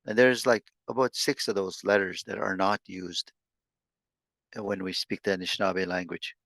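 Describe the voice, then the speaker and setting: A man teaching an online language lesson over a video call, sounding out syllables slowly with many halting restarts. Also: low voice, fairly even intonation, vocal fry, fairly bright tone, no echo.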